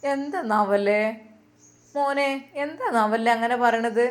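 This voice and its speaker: A woman voicing a tender, devout elderly mother with a Malappuram accent, speaking slowly and fondly. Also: a little high, natural voice. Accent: Malappuram Malayalam.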